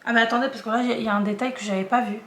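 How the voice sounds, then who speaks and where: A woman's voice: a little high, steady tone, rapid-fire, fairly bright tone, reverberant. A woman vlogger chatting casually and hesitantly, with many fillers and restarts. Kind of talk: casual chat.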